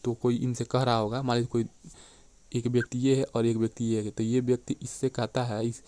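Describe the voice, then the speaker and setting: A man teaching an exam-prep lecture, often checking in with his students and slowing down to read definitions and examples aloud. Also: mid-range voice, flat delivery, mellow, no room sound. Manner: keeps checking in with "theek hai" and "dekhiye".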